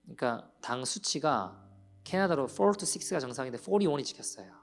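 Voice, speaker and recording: A man's voice: mid-range voice, animated, normal speed, creaky. Man preaching an emotional Sunday sermon. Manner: emotional storytelling, dropping to soft near-whispers. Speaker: pastor. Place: church sanctuary.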